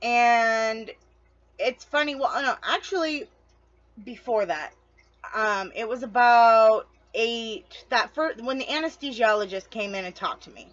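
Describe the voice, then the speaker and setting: A woman vlogger talks casually to her viewers in a slightly high voice. She rambles, backtracks and loses her train of thought as she tells her story. The audio is dull and lo-fi, like a home video. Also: a little slow, a bit bright. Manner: chatty, addresses viewers directly.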